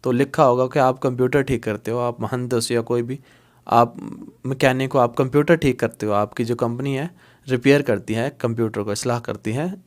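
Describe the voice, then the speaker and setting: A man's voice: medium pitch, steady tone, moderate pace. Guy teaching arabic words online, repeats every word a bunch, throws in english meanings. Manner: explains patiently, repeating each word several times; switches between Hindi-Urdu explanation and English glosses. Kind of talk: online language lesson.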